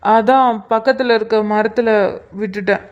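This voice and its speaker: A woman's voice: a little high, steady tone, normal speed, highs cut off, close to an everyday voice. A woman voicing a playful young husband in a cartoon, soothing his worried family from a hospital bed. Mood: reassuring. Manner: teasing, soothing. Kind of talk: cartoon voice acting.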